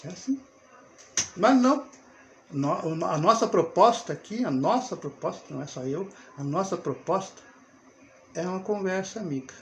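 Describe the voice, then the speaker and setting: A man with a Brazilian Portuguese accent teaching the Bible in a relaxed, conversational way, often checking in with his listeners and chuckling as he talks. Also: high-pitched, moderate pace, slight background noise. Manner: chatty, with rhetorical check-ins and frequent chuckles. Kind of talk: informal conversational Bible talk.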